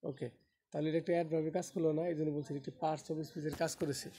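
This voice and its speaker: Male teacher, warm mellow tone, classroom lecture, quizzing and scolding students. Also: on the high side, flat delivery, brisk, husky. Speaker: English teacher.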